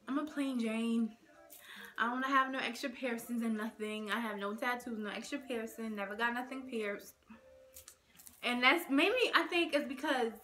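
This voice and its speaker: Bright-voiced chatty woman from Nigeria. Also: a little high. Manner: chatty and rambling, with lots of "like" and "okay". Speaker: vlogger. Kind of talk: casual get-to-know-me chat. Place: indoors in front of a plain gray backdrop.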